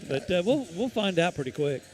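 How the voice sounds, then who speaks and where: A man giving casual color commentary on a high school basketball game, rambling and folksy with many fillers and restarts. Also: big pitch swings, fairly quick, darkish tone, a little hiss or hum.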